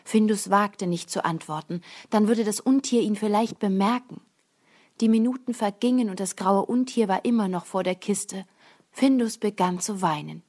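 Female storybook narrator, calm even delivery, medium pitch. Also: normal speed. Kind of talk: storybook reading.

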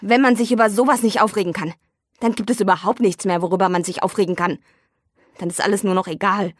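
A woman's voice: medium pitch, steady tone, fast, dry recording, studio quality, natural voice. Woman voicing a sarcastic jealous young man. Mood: furious ranting. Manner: sarcastic, escalating into shouting rants. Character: irritable jealous young man, bartender type.

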